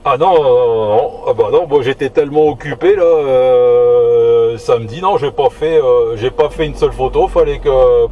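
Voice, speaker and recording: A CB radio operator chats casually over two-way radio from inside a car outdoors, hesitant, drawing out words and repeating phrases. His mid-range voice moves at a moderate pace with few pauses, and the recording is muffled and band-limited, with car noise and a distant mic.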